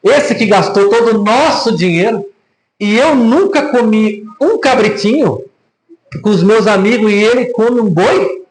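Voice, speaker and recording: A man's voice: sits high, lively intonation, unhurried, voice pushed up. A man voicing a resentful, jealous older brother who complains indignantly, in an echoey room.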